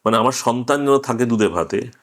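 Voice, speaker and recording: A man with a mid-range voice conducts an interview, laying out his argument conversationally. He speaks haltingly, in short fragments.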